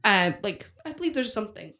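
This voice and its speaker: Chatty woman co-host who leads the questions in a relaxed chat. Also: mid-range voice, a little fast. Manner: chatty, full of "like", asks questions. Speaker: podcast co-host. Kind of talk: casual chat.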